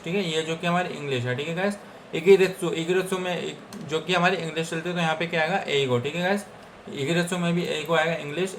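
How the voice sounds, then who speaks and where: A young man from India runs through Japanese vocabulary in a casual Hindi lesson. His voice sits a little high, and he repeats every word several times with frequent check-ins. A faint background noise stays under his speech. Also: fairly bright tone. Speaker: Japanese language teacher.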